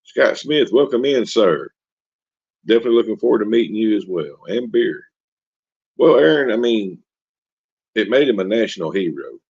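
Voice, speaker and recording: A man's voice: on the low side, animated, normal speed, vocal fry, pauses often, darkish tone, husky, no room sound, lo-fi sound. A man hosting a live stream in a casual, folksy, joking way, reading out and answering chat comments. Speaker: livestream host.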